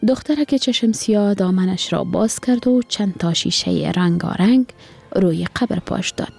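A woman with an Afghan Dari accent narrating a story on radio, in a breathy voice. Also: mid-range voice, darkish tone, soft background music. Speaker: story reader.

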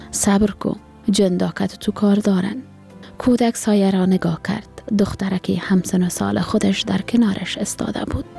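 A woman with an Afghan Dari accent reading a short story aloud for radio in a soft, low-key manner. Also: vocal fry. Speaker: story reader. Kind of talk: scripted story narration for radio.

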